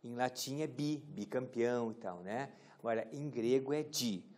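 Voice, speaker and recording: A man's voice: mid-range voice, normal speed, darkish tone. Joking male teacher quizzing a class. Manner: casual, joking, asks the class questions. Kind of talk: classroom lecture.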